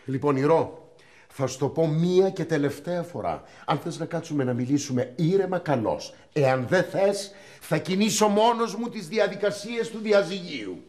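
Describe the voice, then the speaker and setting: An actor playing an exasperated ship captain, pleading and complaining theatrically in a television sitcom. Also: male voice, a little high, expressive, warm tone, lightly acted. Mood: stern.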